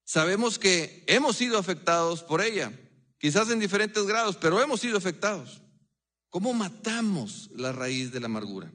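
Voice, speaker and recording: A man preaching a sermon as pastor, earnest and conversational, often pausing and dropping into a hush. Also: high-pitched, lively intonation. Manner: earnest, conversational preaching with frequent pauses and sudden hushed drops.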